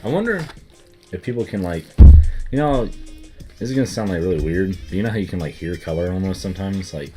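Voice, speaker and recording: Co-hosting a laid-back conversation, this young man speaks low-pitched, expressive and brisk, in a light Southern US accent. He rambles and leans on fillers, and faint music runs beneath the recording.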